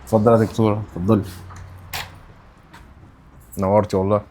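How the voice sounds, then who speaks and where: An actor playing a brother with an Egyptian accent, earnestly explaining the situation. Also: male voice, fairly low pitch, level tone, fairly quick, very noisy, natural voice. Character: brother who fetched the doctor. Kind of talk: web drama acting.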